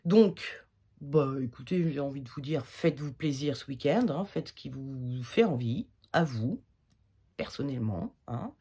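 Low husky-voiced woman reading tarot. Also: expressive, unhurried, mellow. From France. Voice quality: slightly husky, irritated throat. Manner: chatty, rambling, many fillers and self-corrections; jokey, laughs at her own slips. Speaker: tarot reader. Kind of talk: casual weekly tarot reading.

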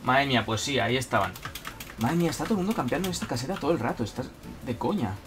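Excitable gamer man, lively pitch. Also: racing, noisy background. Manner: excitable, talks to himself, frequent exclamations. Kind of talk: live gameplay commentary.

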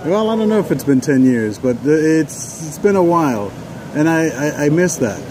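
A man's voice: a little high, animated, moderate pace. A man co-hosting a casual show at an outdoor racetrack terrace, laid-back and slangy, often saying dude. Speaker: podcast co-host. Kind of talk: casual chat. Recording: outdoor noise in background.

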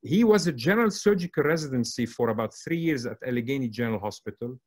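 A man's voice: medium pitch, animated, fast. Lebanese-born man introducing surgical panelists. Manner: warm, admiring, with frequent fillers and restarts. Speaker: moderator introducing panelists and speakers. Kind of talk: formal introductions at an online conference.

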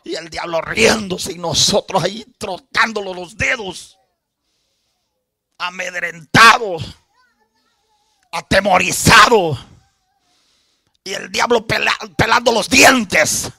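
Man, pastor, impassioned sermon, shouted climaxes, bright husky voice. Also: high-pitched, slow pace, pauses often, no echo, clean studio sound. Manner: impassioned preaching, rising to shouts, calls to the congregation.

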